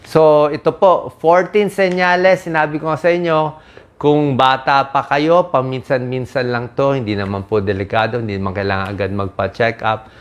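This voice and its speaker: A man's voice: mid-range voice, steady tone, normal speed, muffled recording. An older man, a doctor, giving casual health advice to viewers in plain, reassuring explanations with frequent asides.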